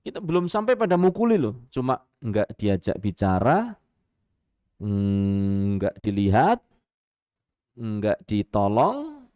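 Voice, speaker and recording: A man's voice: fairly low pitch, slow pace, pauses often, clean tone, no room sound, dull audio. A man with a Javanese accent giving a radio sermon, telling stories with rhetorical questions and chuckles. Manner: animated, lively storytelling with rhetorical questions and chuckles. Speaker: Islamic preacher.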